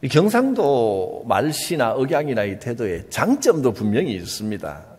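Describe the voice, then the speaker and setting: A male pastor with a Gyeongsang Korean accent, preaching an earnest, emphatic sermon with soft asides. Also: mid-range voice, sing-song, moderate pace, husky, big-room sound. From Gyeongsang region, Korea.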